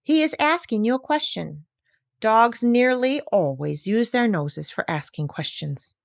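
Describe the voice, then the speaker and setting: A woman voicing a proud, bossy female parrot in a high voice, speaking emphatically as if teaching. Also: lively intonation, measured pace, vocal fry, no echo, studio quality. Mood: instructive. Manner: emphatic, instructive.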